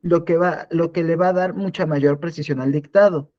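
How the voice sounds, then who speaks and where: A man's voice: fairly high pitch, steady tone, normal speed, darkish tone, highs cut off. A man teaching a live online class in a conversational way, often restarting and repeating words. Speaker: instructor.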